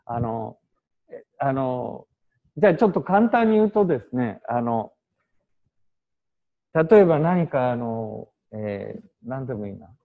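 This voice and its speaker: A man teaching Japanese to a class, explaining with examples and short English glosses in a lively, animated way. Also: medium pitch, unhurried, creaky, long pauses, narrow, tinny audio.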